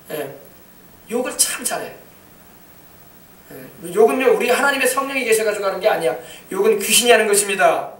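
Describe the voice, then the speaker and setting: A male pastor preaching with a high voice and a fast, driving pace, breaking into shouted commands. He is recorded from some distance in a roomy, echoing church, with faint noise underneath. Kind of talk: sermon.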